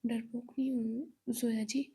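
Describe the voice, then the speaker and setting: A woman's voice: a little high, level tone, unhurried, husky. A woman voicing a timid, frightened young woman who speaks hesitantly in a whispered role-play. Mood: fearful. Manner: hesitant, hushed.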